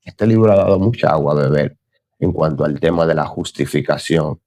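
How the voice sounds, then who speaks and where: Low-voiced guy doing a bible class, earnest, trips over words, dry close mic. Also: brisk, a little mellow, no echo. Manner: earnest, exclaims "Gloria a Dios", stumbles and corrects himself. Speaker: Bible teacher. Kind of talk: recorded Bible lesson.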